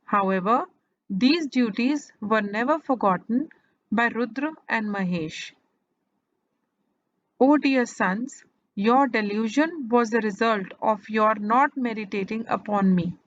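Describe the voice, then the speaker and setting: Slow-spoken woman narrating scripture. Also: fairly high pitch, lo-fi sound. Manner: slow, deliberate retelling with pauses. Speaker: scripture reader. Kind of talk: measured devotional narration.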